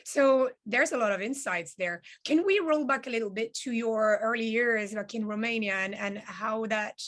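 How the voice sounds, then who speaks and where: Higher-voiced woman interviewer. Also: normal speed. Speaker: interviewer, host. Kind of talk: interview questions.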